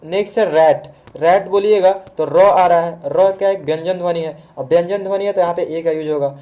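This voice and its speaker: A man's voice: high voice, a little fast, dark tone, lo-fi sound. A male teacher giving a grammar lesson online, patiently explaining step by step and answering his own questions. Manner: mixes English words into Hindi.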